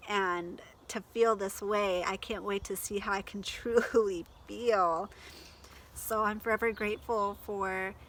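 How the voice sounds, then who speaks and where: A woman's voice: medium pitch, a bit bright, a little hiss or hum. Emotional, gushing woman vlogger. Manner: gushing, emotional, many fillers and "like". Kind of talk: heartfelt personal vlog.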